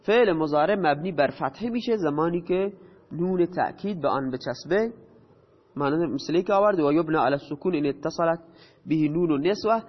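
A man teaching a grammar lesson, asking questions and answering them himself. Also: on the high side. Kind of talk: explaining grammar to students. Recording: dull lo-fi sound with long reverb.

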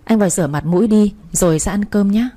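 A woman's voice: medium pitch, fast, warm tone, natural voice. A woman voicing a middle-aged mother who scolds her daughter yet fears her husband. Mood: scolding, anxious.

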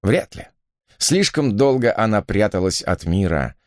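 A man narrating a story in a measured, reflective way. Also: on the low side, big pitch swings, no echo, clean studio sound. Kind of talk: audiobook narration.

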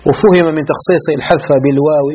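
Guy teaching a grammar text, keeps asking if students get it, bit high voice, dull muffled sound. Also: fairly even intonation, very fast, a little hiss or hum. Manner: keeps checking that students follow. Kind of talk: explaining a classical grammar text. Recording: muffled lo-fi recording.

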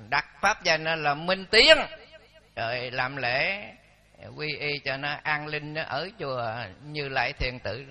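A man in his seventies, a Buddhist monk, telling stories in a dharma talk with lively quoted dialogue. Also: on the high side. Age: 70s. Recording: dull lo-fi recording.

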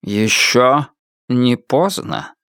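A man reading an audiobook, voicing a sinister shopkeeper who speaks softly and slowly. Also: high voice, very animated, no room sound, clean studio sound, voice pushed up, exaggerated voice. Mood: coaxing. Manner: soft, slow, coaxing. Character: soft-spoken sinister older shopkeeper, man. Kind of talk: audiobook character voice.

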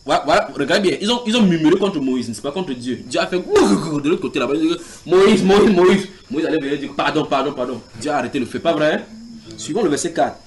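A crowd can be heard behind a man whose voice is on the high side and fast. He preaches in a house church, teaching from the Bible with animation, reading scripture aloud and putting questions to his listeners.

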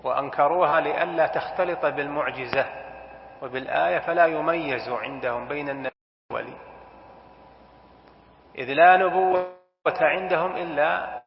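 Sheikh teaching in an echoey hall. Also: male voice, fairly high pitch, vocal fry. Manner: explains slowly and deliberately, stressing key terms. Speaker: sheikh teaching a classical text. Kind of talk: scholarly lesson commentary. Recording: echoey hall, dull sound with faint hiss.

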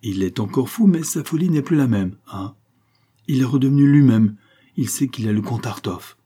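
Grave, calm storybook doctor, read by a man. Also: medium pitch, slightly rough, pitched above the performer's own voice. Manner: grave, measured, soothing.

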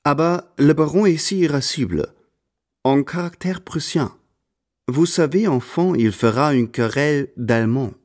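A man's voice: on the high side, very animated, moderate pace, darkish tone. An actor playing a haughty, scheming French marquis in a radio drama, pompously slipping French phrases into his speech.

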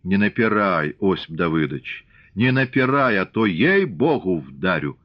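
A hot-tempered young Cossack, as a male audiobook reader does him, answering back in a defiant, rough way. The low voice is recorded dry and slightly dull. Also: very animated, measured pace, dry recording, full character voice. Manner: shouting, defiant retorts.

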